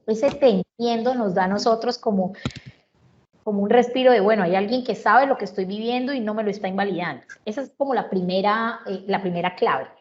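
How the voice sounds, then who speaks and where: A woman's voice: medium pitch, a little fast, highs cut off, slight background noise. Woman explaining emotions to teachers. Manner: asks rhetorical questions, repeats key points, acts out adult remarks. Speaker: workshop speaker on emotions and learning.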